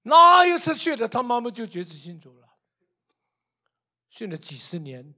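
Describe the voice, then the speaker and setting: An older man preaching a sermon, emphatic and repetitive, full of rhetorical questions and swinging between soft asides and loud outbursts. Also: very high-pitched, wildly swooping pitch, moderate pace.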